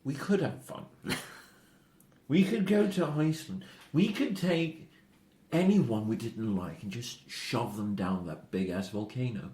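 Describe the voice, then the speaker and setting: Brief: man from northern Norway, mid-pitched, podcast co-host, crude joker who laughs a lot, echoey room. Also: expressive, unhurried, mellow, slight background noise. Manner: profane, joking, laughs often. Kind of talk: casual podcast banter.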